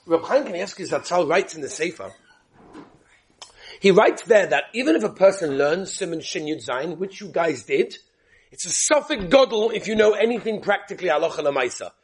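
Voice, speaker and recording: A man with teaching a religious class as a rabbi, telling stories with rhetorical questions and repeated phrases, in a husky voice. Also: high-pitched, lively intonation, normal speed. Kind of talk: lively religious lesson with storytelling.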